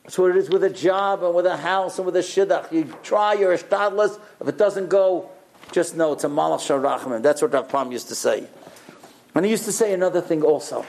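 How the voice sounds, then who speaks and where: High-pitched New male lecturer. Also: a little fast, gravelly, a little mellow. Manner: emphatic, repeats phrases, asks rhetorical questions. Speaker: rabbi giving a religious lecture. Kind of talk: Torah lecture with storytelling.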